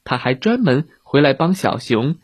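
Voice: medium pitch, big pitch swings, normal speed, husky, no room sound. A playful storyteller narrating a children's story and speaking directly to the kids.

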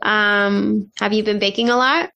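A woman in her thirties from Southern California co-hosts a relaxed podcast chat. She talks in an upbeat, meandering way with lots of fillers and easy laughter, her pitch sitting in a middle range. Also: measured pace, creaky, lo-fi sound. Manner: chatty, upbeat, laughs often, scattered fillers. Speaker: podcast co-host. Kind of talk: casual chat.

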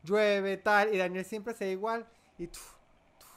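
A man's voice: high-pitched, fairly even intonation, a little slow, fairly bright tone, clean tone. A man, co-hosting a podcast in casual chat. He jokes and teases in playful banter. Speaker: podcast co-host.

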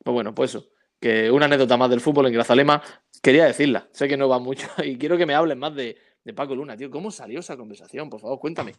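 A man chats about football in a loose, anecdotal way, often ending his sentences with tag questions. His pitch sits in the middle range for a man, and his delivery is relaxed and conversational. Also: fast talker. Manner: chatty storyteller, frequent tag questions. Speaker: podcast co-host. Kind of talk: casual football chat.

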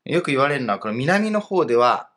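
A man talks through a grammar lesson as an online teacher. His delivery is patient and explanatory, and his voice is lively and animated, swinging up and down in pitch. His pitch sits at a middle level for a man. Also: a little fast. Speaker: language teacher.

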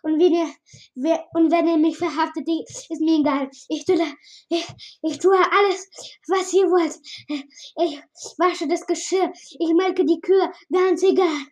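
A woman's voice: very high-pitched, steady tone, measured pace, voice pushed up. A woman voicing a frightened young male stranger who pleads in a stumbling, breathless way while reading a storybook aloud. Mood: pleading.

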